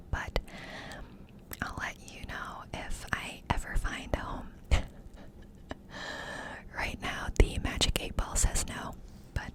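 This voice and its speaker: A woman speaks entirely in a soft, breathy whisper, very close to the microphone as if cupping it. She chats intimately in an ASMR style, confiding in the listener and lingering on repeated phrases. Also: poor audio. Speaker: ASMR creator. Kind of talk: whispered ASMR life-update chat. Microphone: close mic with cupped whispering.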